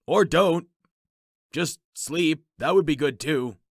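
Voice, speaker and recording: A sleepy, grumpy male adventurer griping through a door, slow, sarcastic and raised in pitch, as a male narrator puts him on. The storybook recording is dry. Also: no room sound. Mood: sleepy grumbling.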